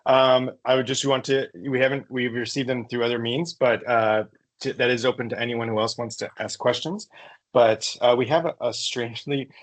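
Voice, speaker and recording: A man's voice: mid-range voice, steady tone, moderate pace. Hesitant man reading out questions. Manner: hesitant, reads out audience questions. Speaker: host. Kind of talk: live Q&A interview.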